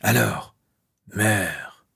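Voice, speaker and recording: A man voicing the cursed spirit of an amulet in an audiobook, hissing, slow and insistent as it tempts its wearer. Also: lowish voice, gravelly, a bit bright, husky, full character voice. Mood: menacing. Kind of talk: audiobook character voice.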